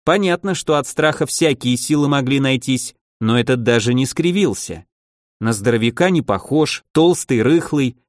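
A man's voice: medium pitch, dry recording. Male audiobook narrator, dry close sound. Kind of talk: scripted fantasy audiobook narration.

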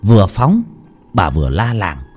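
A man's voice: sits low, wildly swooping pitch, a little slow, a little mellow, breathy edge, soft background music. A man narrating a ghost story in a dramatic, vivid way.

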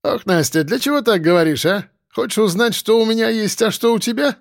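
A man's voice: high voice, fairly quick, creaky, dry recording, studio quality, pitched above the performer's own voice. A man voicing a stocky, jovial young joker with a slight foreign accent, playful and sing-song. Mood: joking.

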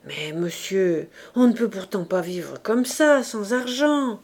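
A woman's voice: medium pitch, animated, takes it slowly, darkish tone. A woman reading aloud and voicing an old housekeeper who keeps complaining insistently in a raised voice. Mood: nagging.

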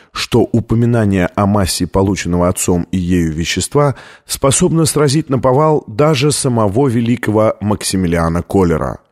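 A man narrating an audiobook in an even, measured reading style. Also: lowish voice. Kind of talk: scripted narration.

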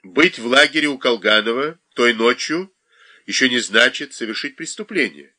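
A man reading aloud, voicing a calm investigator who reassures a distressed woman. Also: mid-range voice, moderate pace. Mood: reassuring.

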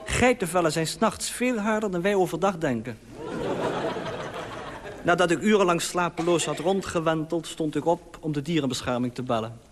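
A man tells an absurd tale in a dry, deadpan manner, as in an old radio comedy monologue. His voice sits somewhat high. A long hall reverb hangs over every sentence. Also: moderate pace, crowd noise. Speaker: comic monologuist.

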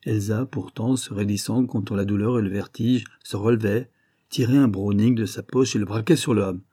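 Husky low-voiced man reading a story. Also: fairly even intonation, warm tone, no echo, studio quality. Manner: measured, dramatic storytelling. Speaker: audiobook reader. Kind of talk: scripted narration.

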